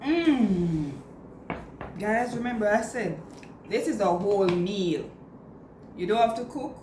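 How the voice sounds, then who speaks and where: A Jamaican woman in her middle years vlogs from a home kitchen, talking at an unhurried pace with playful, teasing humor. The room is echoey, with steady noise behind her. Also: mid-range voice. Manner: playful, laughing, teasing banter. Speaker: vlogger and Airbnb host. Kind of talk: casual kitchen vlog chat.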